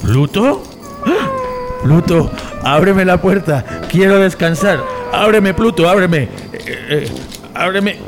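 A man's voice: on the high side, a little slow, over music. A man playing a drunk, grieving man who rambles and slurs theatrically, in an amateur radio drama.

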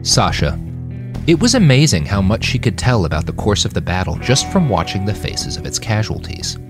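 With music in the background, this author dramatically narrates scripted fiction for his podcast in audiobook style, voicing each character's lines. He speaks in a lowish voice at a moderate pace, with big pitch swings.

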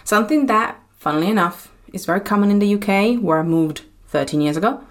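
A woman's voice: medium pitch, quick pace. Woman, podcast host, enthusiastic and chatty. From Italy. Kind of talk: upbeat podcast introduction.

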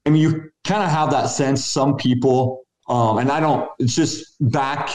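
A man's voice: mid-range voice, fairly even intonation, unhurried, darkish tone. A man, a basketball coach, answering interview questions in an upbeat, rambling way over a video call. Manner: upbeat, rambling, restarts sentences. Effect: heard over a video call. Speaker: basketball coach and club program director. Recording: roomy video call audio.

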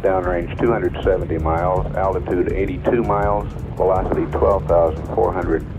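Male flight announcer, low and matter-of-fact, crackly breaking-up space radio on a thin tinny line. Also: flat delivery, moderate pace, over music. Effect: crackly breaking-up space radio transmission. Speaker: mission status announcer. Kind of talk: reading out flight data.

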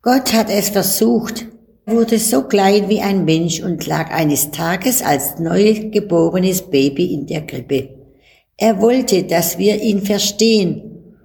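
A woman reading the part of a kindly father explaining a story to his son, thoughtful and gentle. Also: medium pitch, takes it slowly, gravelly.

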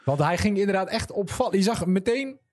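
Slightly high-voiced man analysing a race. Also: animated, a little fast, dry recording, clean studio sound. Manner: thoughtful, hesitant starts, many ehms. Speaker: podcast co-host. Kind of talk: casual motorsport analysis.

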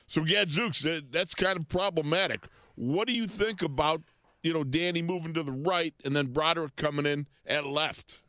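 A man's voice: fairly high pitch, moderate pace, sharp tone, dry recording. A man co-hosting a sports radio show, chatty and teasing as he asks questions. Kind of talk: casual sports talk.

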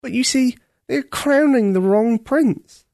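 A man's voice: very high-pitched, unhurried, vocal fry, a little mellow, dry recording, studio quality, voice pushed up, full character voice. Katia, a man doing an earnest young girl. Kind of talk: storybook read-aloud.

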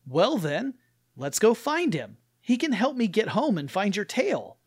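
A man's voice: high voice, sing-song, unhurried, breathy edge, voice pushed up, full character voice. A man voicing a young farm girl far from home, prim and incredulous, in a raised voice. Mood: earnest.

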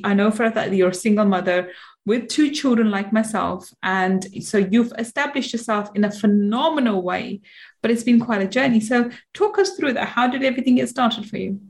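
A woman's voice: mid-range voice, moderate pace. A woman hosting a podcast interview, talking in an effusive, gushing way. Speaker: podcast host.

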